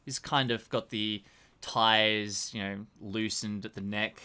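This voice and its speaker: A man narrating a tabletop horror game as game master, describing scenes with measured pacing and occasional fillers. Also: on the low side, steady tone, sharp tone, clean tone.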